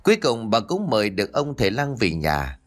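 A man narrating a village story in an expressive, animated reading. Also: lowish voice, brisk.

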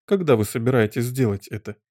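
A man's voice: medium pitch, animated, quick pace, a little mellow, dry recording, clean studio sound, close to an everyday voice. A man voicing an earnest, curious little girl of seven in an audiobook. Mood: anxious. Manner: earnest, questioning.

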